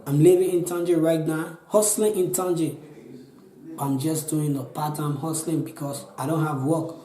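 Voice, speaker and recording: A man's voice: on the high side, fairly even intonation, normal speed, warm tone, roomy sound, poor audio. A Liberian man in his twenties with a Liberian accent, telling his own story in an interview, earnest and pleading, often repeating himself. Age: 20s. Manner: pleading, repetitive, restarts often. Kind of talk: earnest personal account.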